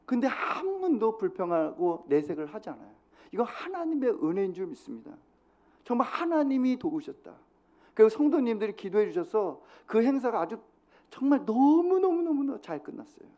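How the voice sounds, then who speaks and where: A Korean man preaching a sermon as pastor of a small church, exhorting the congregation and dropping from loud to hushed. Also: high voice, very animated, fairly quick, highs cut off. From South Korea.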